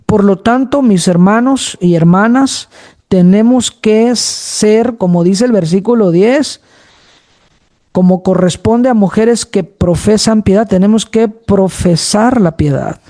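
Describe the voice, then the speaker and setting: A man preaching a sermon, speaking slowly and moving between low, middle and high tones, often addressing his listeners as brothers. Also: warm tone.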